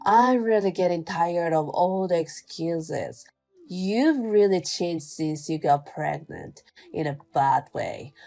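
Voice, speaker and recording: Cold, scolding husband voiced by a woman, slow, with a dark tone, for a domestic drama. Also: fairly low pitch, vocal fry, faint music behind, pitched below the performer's own voice. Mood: contemptuous. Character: scornful, demanding young husband. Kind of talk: scripted domestic drama dialogue.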